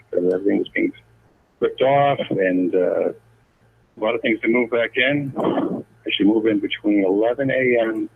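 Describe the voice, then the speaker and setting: A man's voice: lowish voice, creaky, slightly rough. A man leaving a rambling voicemail full of repeats and "uh" fillers, played back on a speakerphone held up to the mic. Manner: rambling, repetitive, many "uh" fillers. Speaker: voicemail caller. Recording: tinny muffled phone speaker.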